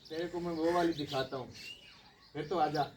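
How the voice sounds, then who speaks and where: A man's voice: fairly high pitch, fairly even intonation, moderate pace. A man on a farm talking to the camera while calling and coaxing an animal, with repeated calls. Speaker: vlogger. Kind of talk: casual outdoor vlog. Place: outdoors on a farm. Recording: distant mic with loud outdoor noise.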